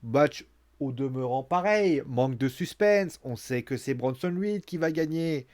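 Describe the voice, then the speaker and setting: A young man giving casual spoken commentary on a wrestling show, recapping scenes and acting them out with quick exclamations. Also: medium pitch, expressive, darkish tone.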